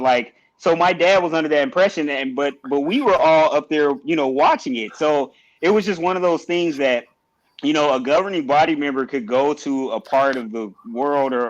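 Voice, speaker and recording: A man telling a rambling story full of fillers on a video call. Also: mid-range voice. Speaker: guest. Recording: dull lo-fi audio.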